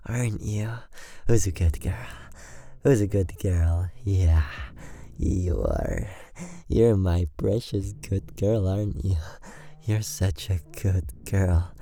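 A man in an ASMR boyfriend roleplay, talking close to the mic with soft, doting, repetitive praise that often drops to a whisper. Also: lowish voice, vocal fry, husky.

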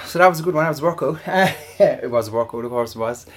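Working through exercises, an online audio creator rambles in loose bursts, breathing hard between phrases and laughing often as he chats casually to regular listeners. He's out of breath and sweaty, with a medium-pitched, animated voice and quick delivery. Soft music plays in the background.

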